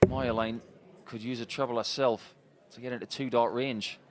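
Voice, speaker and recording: A man's voice: mid-range voice, fairly even intonation, moderate pace. A man giving chatty live commentary on a darts match. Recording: loud crowd behind commentary. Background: darts crowd.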